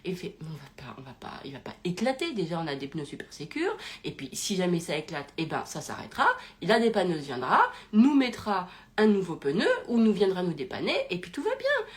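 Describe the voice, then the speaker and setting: A woman's voice: medium pitch, a little fast. A woman doing her zen, reassuring partner. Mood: soothing. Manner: calm, soothing, matter-of-fact.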